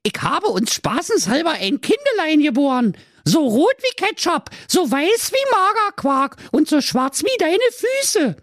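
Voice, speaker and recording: A shrill squawking Berlin housewife. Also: female voice, very animated, measured pace, no room sound, studio quality. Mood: squawking excited. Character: loud brash Berlin housewife, woman.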